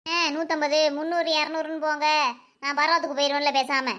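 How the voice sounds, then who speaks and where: Woman doing a super squeaky madurai village wife in a cartoon, always nagging her husband. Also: little pitch movement, pushed and bright. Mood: scolding. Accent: Madurai Tamil. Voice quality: shrill, pitched way up. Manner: nagging, quick comebacks. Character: scolding village wife, sharp-tongued and bossy. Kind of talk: cartoon voice acting.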